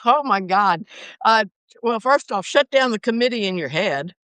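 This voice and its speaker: An older woman co-hosting a casual talk over a computer call, chatty and upbeat and quick to laugh. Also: medium pitch, animated, a bit bright, clean tone, dry recording, poor audio. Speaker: podcast co-host. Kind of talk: casual conversation.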